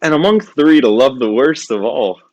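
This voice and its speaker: A man playing a witty, lovesick gentleman in a stage Shakespeare comedy, declaiming in a hammy theatrical way. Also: medium pitch, animated, moderate pace, lo-fi sound, lightly acted. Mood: exasperated self-mockery. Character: witty, lovesick gentleman railing at his own love.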